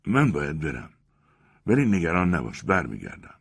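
A man's voice: extremely low pitch, wildly swooping pitch, creaky, slightly rough, heavily acted. A man voicing an anxious, eager middle-aged male professor in a storybook reading, nervous and pleading.

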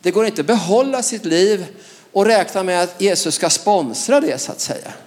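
High-voiced preacher, emphatic and lively. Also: male voice. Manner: lively and emphatic, laughs between phrases, frequent "va?". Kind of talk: sermon.

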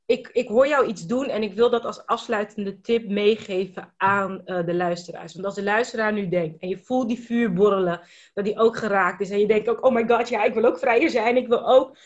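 A woman's voice: mid-range voice, normal speed. Affirming woman host, dull lo-fi sound. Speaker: podcast host. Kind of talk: casual podcast chat.

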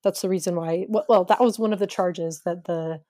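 Woman co-host speculating aloud, warm mellow tone, dry close sound. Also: on the low side, fairly even intonation, moderate pace, no room sound. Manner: musing, tentative, speculative. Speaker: podcast co-host. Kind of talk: casual literary discussion.

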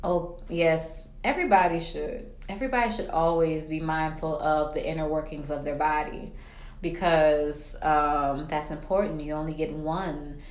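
A woman's voice: low voice, steady tone, normal speed. A woman hosting a casual chat in a colloquial, rambling, quippy way. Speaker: podcast host. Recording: roomy echo.

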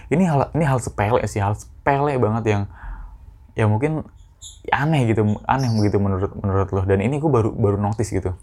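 A man's voice: fairly low pitch, brisk, darkish tone. A young man hosting a casual solo podcast, rambling with lots of restarts and slang. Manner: rambling, many restarts, slangy Jakarta-style informal talk. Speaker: podcast host.

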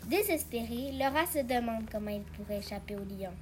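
Woman narrator for a fable read-aloud, steady and clear, high voice, faint hum behind. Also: a little fast.

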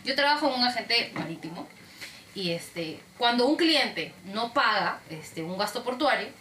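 Woman, Peruvian Spanish accent, casual podcast chat, animated storyteller, lively pitch, echoey room. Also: measured pace, a little hiss or hum. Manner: animated storytelling, acting out callers. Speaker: podcast co-host.

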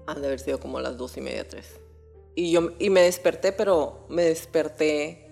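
A young woman with a Mexican accent telling a personal story on a podcast in a casual, animated way, full of slang and swearing. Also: low voice, moderate pace, creaky, faint music behind. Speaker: podcast host.

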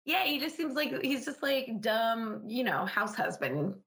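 A woman's voice: fairly high pitch, big pitch swings, a little slow, vocal fry, fairly bright tone. A young woman co-hosting a podcast in casual chat, laughing often and swearing casually. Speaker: podcast co-host.

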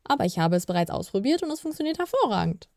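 A woman's voice: mid-range voice, big pitch swings, quick pace, creaky, a little mellow, no echo, clean studio sound. A woman voicing a fussy, self-important male elf who talks with pompous airs, in a storybook reading. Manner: pompous, rising and sheepish.

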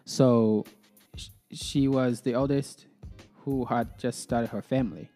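A man with a Burundian accent speaking as an interview guest, conversational and halting, often repeating words as he goes. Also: medium pitch, steady tone, dark tone, soft background music. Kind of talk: conversational interview, telling own story.

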